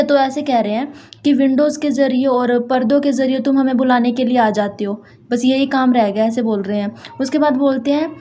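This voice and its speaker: A woman teaching English literature, explaining a poem line by line in a chatty way and reading the quoted lines out slowly. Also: fairly high pitch, dark tone. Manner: chatty, repeats "thik hai" and "doston", reads English lines slowly.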